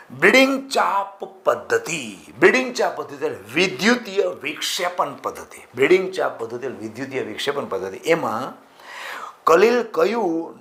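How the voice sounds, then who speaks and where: A man teaching chemistry exam prep in Gujarati, asking his students questions and answering them himself, stretching key terms out slowly. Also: medium pitch, fairly bright tone, roomy sound.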